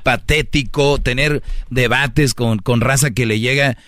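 A man hosts a talk radio show, speaking firmly in a lecturing, teasing way. His voice sits in a middle pitch, recorded dry and close with no room sound. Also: fairly even intonation, a little slow, fairly bright tone, no echo. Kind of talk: casual radio banter.

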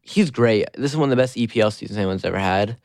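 Young man, podcast co-host, fast football talk, casual, dry close sound. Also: on the low side, a little mellow, dry recording. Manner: quick, knowledgeable football talk. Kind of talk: casual sports chat.

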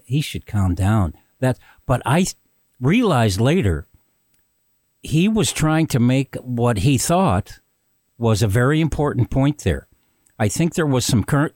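A man's voice: medium pitch, darkish tone, no echo. A male podcast host talks through events in a conversational, emphatic way. His voice is recorded dry and close, with no room sound. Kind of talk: podcast commentary.

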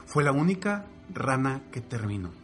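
A man telling a motivational fable in a lively, repetitive way, going soft and low for the lesson. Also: normal speed, faint music behind. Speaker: motivational storyteller. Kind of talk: motivational storytelling.

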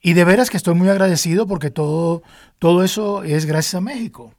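An older Cuban man with a Cuban Spanish accent and a fairly high voice tells his life story as a guest singer in an interview. He talks with many restarts and fillers, and the sound is close and dry with no room echo. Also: brisk, darkish tone. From Cuba.

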